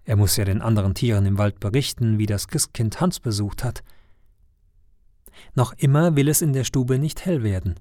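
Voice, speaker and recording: A man narrating a children's Christmas story in a gentle storytelling manner. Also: fairly low pitch, moderate pace, dry recording, studio quality. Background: faint music.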